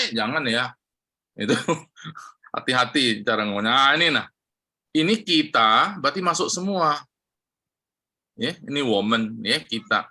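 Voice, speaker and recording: A man teaching a lesson on prayer, animated and often asking his listeners questions. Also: medium pitch. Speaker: church teacher.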